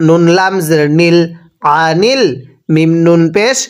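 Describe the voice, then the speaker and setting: A man with a Bangladeshi Bengali accent teaching Quran reading in a spelled-out recitation lesson. He spells each word letter by letter, then recites it slowly and draws out the sounds. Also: a little high, lively intonation, clean tone.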